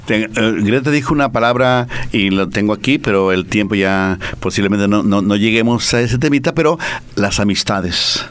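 Casting: priest guest, lowish voice, reflective and lightly preachy. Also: male voice, normal speed, fairly bright tone. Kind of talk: conversational radio talk.

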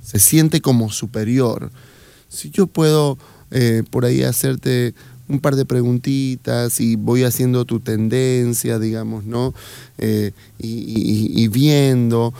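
A man's voice: medium pitch, fairly even intonation, slow, vocal fry, mellow, no room sound. A man in casual conversation, hesitant and full of fillers, who acts out little dialogues.

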